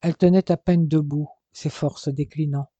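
A man narrating a novel aloud in a steady, dramatic reading. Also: fairly high pitch, normal speed, no room sound, lo-fi sound.

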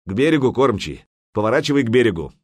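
A man voicing a resolute viking chieftain who speaks calmly, firmly and with command. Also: mid-range voice, fast, dry recording, clean studio sound. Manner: calm, firm, commanding. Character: stern, resolute male viking jarl.

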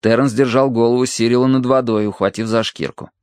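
A man reading an audiobook in lively, expressive comic storytelling. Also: mid-range voice, fairly quick, clear, resonant tone, no echo, clean studio sound. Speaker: audiobook narrator. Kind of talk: scripted narration.

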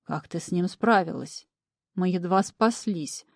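A woman reading the lines of a practical, unruffled young man in a calm, matter-of-fact way. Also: mid-range voice, normal speed, no echo, studio quality, natural voice.

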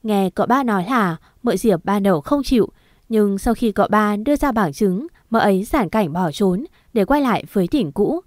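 Female narrator for a short story: earnest, steady, middle pitch, dry booth sound. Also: moderate pace, no room sound. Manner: steady, earnest first-person telling.

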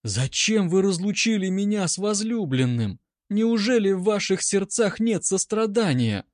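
A theatrical young bride wails and begs in a high, quavering voice, every line pushed to melodrama, as a male storyteller puts her on. The storybook reading is dry and close, with no room echo. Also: sing-song, measured pace, a little mellow. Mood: tragic pleading. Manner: pleading, tearful, overacted exclamations.

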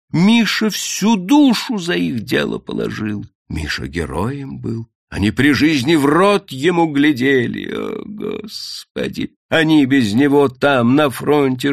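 A man's voice: medium pitch, creaky, no room sound, studio quality, full character voice. A distraught grieving widow, as a male reader puts her on. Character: grieving widow, middle-aged woman, distraught.

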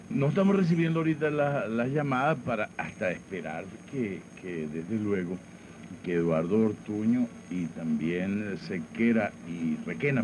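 Venezuelan male radio host, AM radio broadcast sound, low voice, conversational, short prompting questions. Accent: Venezuelan Spanish. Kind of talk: radio interview. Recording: muffled AM radio with clear hiss.

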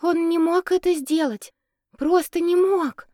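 A woman voicing a distraught young woman who speaks softly through tears, high above the reader's own voice, in a dry storybook reading. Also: fairly even intonation, a little slow, no room sound. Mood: tearful. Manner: soft, tearful, hushed.

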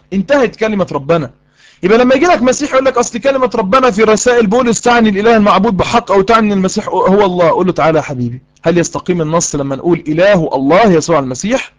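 A man with an Egyptian Arabic accent leads a live online lesson at a brisk clip. His voice sits fairly high, and he keeps quizzing his students and repeating key lines to drive them home. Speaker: religious course instructor.

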